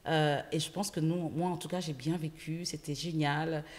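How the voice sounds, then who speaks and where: A woman from Senegal, a guest entrepreneur, telling stories in a casual interview, lively, with many fillers. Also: low-pitched, moderate pace. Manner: lively storytelling with frequent fillers. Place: podcast studio.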